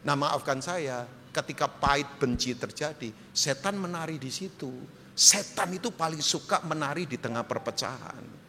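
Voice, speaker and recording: A middle-aged man preaching a sermon as pastor, joking and swinging from loud shouts to quiet asides. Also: on the high side, moderate pace, a little hiss or hum. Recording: reverberant church hall.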